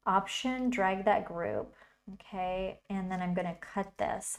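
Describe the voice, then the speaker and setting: A woman talks through her work in a casual livestream tutorial, thinking aloud as she goes. Her voice sits at a medium pitch, chatty and easygoing, with frequent bursts of delight. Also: a little mellow. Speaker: livestream host teaching digital art.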